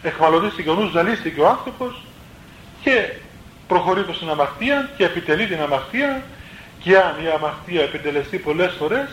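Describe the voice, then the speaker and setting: A man's voice: on the high side, fairly bright tone. A man, a priest, giving a spoken sermon in a plain teaching tone, often adding small asides and correcting himself mid-phrase. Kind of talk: spoken sermon on spiritual life. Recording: roomy echo, faint background noise.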